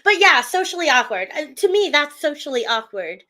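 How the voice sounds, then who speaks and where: A woman with a high, bright voice co-hosts a podcast in casual chat. She teases her partner warmly and laughs easily at his stories. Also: big pitch swings. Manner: teasing, quick to laugh. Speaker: podcast co-host.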